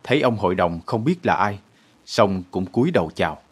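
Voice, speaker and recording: A male storyteller reads aloud in a low, husky voice. He narrates steadily and evenly. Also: animated, fairly quick. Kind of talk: storybook reading.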